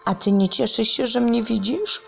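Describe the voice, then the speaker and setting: A woman's voice: fairly high pitch, moderate pace, vocal fry, soft background music. A woman voicing a boisterous, boastful male tiger who bounces about and exclaims made-up words, for a children's story. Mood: bouncy.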